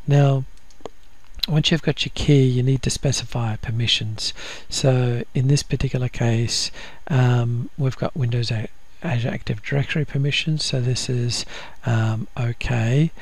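A man giving a screen-recorded software tutorial, explaining each step methodically with frequent ums and uhs. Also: medium pitch. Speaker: software instructor.

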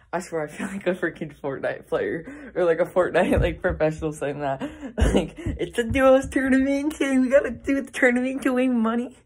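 A woman's voice: lowish voice, a little mellow. A young woman talking casually to her viewers in a vlog, rambling with many ums and restarts and laughing easily. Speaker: vlogger.

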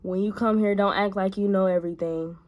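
A woman in her twenties, a vlogger, does her makeup in a small bedroom while handing out blunt big-sister advice to her phone camera. Her voice is medium-pitched, steady, fairly quick, and a bit dark in tone. The phone is held at arm's length.

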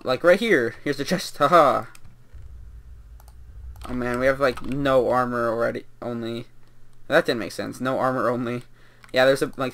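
A man's voice: mid-range voice, fairly bright tone. A young man giving casual, rambling commentary while playing a video game, with lots of fillers and laughter. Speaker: gameplay commentator.

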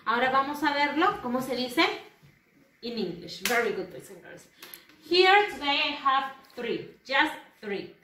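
A woman teaching English to young children in an online lesson, speaking slowly and having the class repeat each word after her. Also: sits high, animated, bright, forceful tone. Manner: slow, repeating words for children to say back. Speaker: primary school English teacher. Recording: roomy, slightly distant, faint noise.

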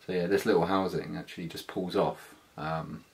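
A man's voice: low-pitched, steady tone, moderate pace, gravelly. A British man in his thirties giving a casual, slangy, slightly hesitant hands-on gear walkthrough indoors. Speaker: motovlogger. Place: small living room, indoors.

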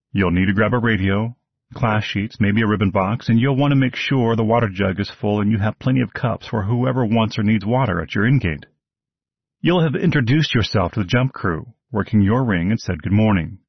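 A podcast host who also announces horse shows gives a scripted talk in a husky, somewhat low voice, offering direct advice with dry, wry asides. The lo-fi recording is dull, close and dry, with no room sound.

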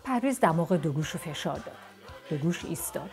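A woman reading a children's bedtime story in a soft, hushed, gentle way. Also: low-pitched, lively intonation, faint music behind.

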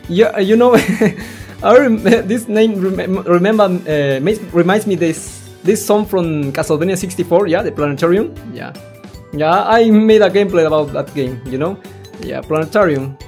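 A man does casual let's-play commentary on a visual novel, reading lines aloud, rambling, stumbling over words and swearing mildly as he reacts. His voice is high-pitched and a little mellow at a moderate pace. Soft music plays in the background.

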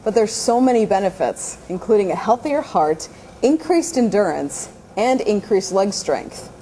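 A woman's voice: medium pitch, expressive, measured pace, warm tone, a little hiss or hum, rough recording. A woman reading a scripted news narration as a military reporter. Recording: music behind the voice. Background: music.

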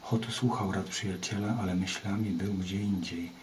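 Male audiobook narrator, low and level, faint background hiss. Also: moderate pace, far from the mic, poor audio. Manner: steady, even storytelling. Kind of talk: scripted fantasy novel narration.

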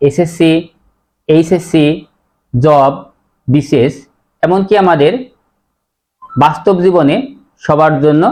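A man teaching a pronunciation lesson, explaining rules step by step and repeating each word slowly. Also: a little high, a little mellow.

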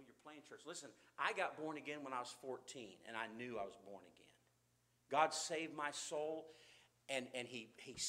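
A man preaching a sermon in a church, fervent, swinging from loud emphasis to quiet asides. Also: fairly high pitch.

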